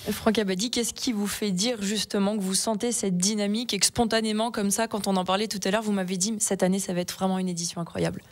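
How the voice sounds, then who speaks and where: A woman's voice: mid-range voice, fairly even intonation, fast, few pauses. Young woman hosting a radio interview. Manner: fluent, engaged questioning. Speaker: radio host. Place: radio studio. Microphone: studio mic with headphones.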